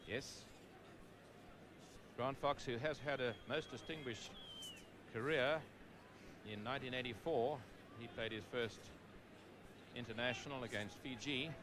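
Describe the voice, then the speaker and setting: A man giving play-by-play rugby commentary, measured between plays and rising to shouts at scoring chances. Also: mid-range voice. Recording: noisy broadcast audio.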